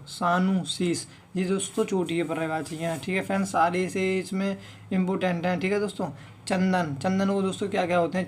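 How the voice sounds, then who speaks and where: A young man teaching an online Hindi exam-prep lesson, reading word lists slowly and often saying "okay, friends". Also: sits high, a little hiss or hum. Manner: reads word lists slowly, one word at a time.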